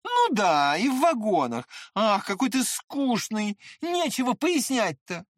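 A reader voicing an excitable, pretty teenage boy who chatters eagerly in an audiobook. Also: medium pitch, measured pace, no room sound, clean studio sound, voice pushed up. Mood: chattering.

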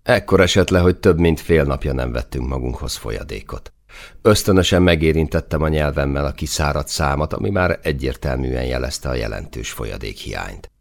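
A man's voice: rumbling low, lively intonation, vocal fry. A man reading a first-person novel aloud in a dry, earthy manner with casual swearing. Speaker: audiobook narrator.

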